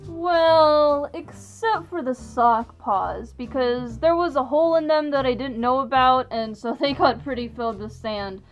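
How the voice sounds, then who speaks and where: A woman's voice: high-pitched, a little slow, few pauses, dull audio, faint music behind. A woman chatting casually through a fursuit head, laughing often as she tells her story. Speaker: vlogger, fursuiter. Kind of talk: casual chat.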